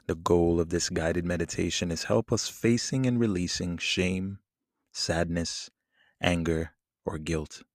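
A man with a low-pitched voice leads a guided meditation at a very slow pace. He is soothing and leaves long pauses between phrases. Soft plucked guitar music plays behind his closely recorded, dry voice. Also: steady tone, dry recording.

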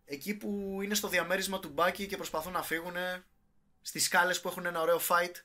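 A man, chatting casually and jokingly about films as a podcast host. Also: high-pitched. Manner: animated, joking, swears casually.

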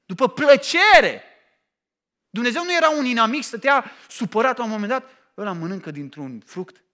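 A middle-aged man preaching a sermon, emphatic and animated, often pausing to ask his listeners questions. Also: very high-pitched. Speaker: pastor.

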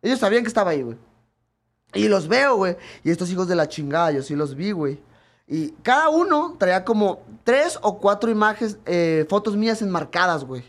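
A Mexican man tells a story to friends in rapid, run-on bursts. His voice sits fairly high. He is profane and casual, and he ends nearly every phrase with a slang filler. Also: big pitch swings. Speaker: guest, fighter.

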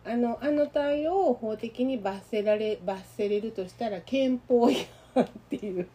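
A woman's voice: fairly high pitch, a little slow. A woman with a Kansai accent, co-hosting a radio talk show and telling a story in casual chat, acting out the voices of the people she met. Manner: animated, acts out quoted voices.

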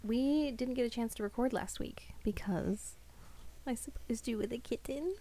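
A woman's voice: a little high, moderate pace, warm tone. A woman co-hosting a podcast in casual chat, talking in a chatty way full of "like" fillers. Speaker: podcast co-host.

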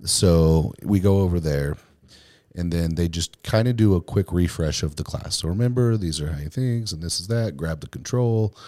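A man's voice: sits low, normal speed, dark tone, no room sound, clean studio sound. A man co-hosting a podcast, telling a rambling story in casual chat, full of fillers and laughing as he goes. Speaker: podcast co-host.

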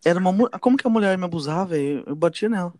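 A young man from tells a story to his friends at a rapid clip, calling out to them as he goes. His voice sits a little high, and the recording is dry and close. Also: no room sound. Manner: fast, animated, addresses listeners as gente and velho. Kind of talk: casual storytelling among friends.

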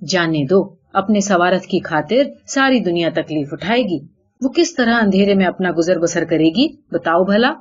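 A woman's voice: lowish voice, animated, breathy edge, dull audio. A woman voicing a vain, coy female jackal who complains indignantly and pleads with her husband in a told folk tale. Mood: indignant pleading.

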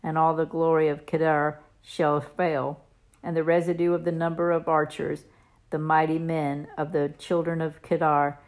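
Female scripture reader, low register, solemn and declamatory, measured phrasing for archaic biblical narration. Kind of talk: solemn Bible reading aloud.

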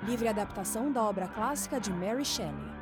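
A woman's voice: medium pitch, lively intonation, brisk, natural voice. A woman announcing a radio serial in the manner of old radio drama. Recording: loud music under the voice. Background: loud theme music.

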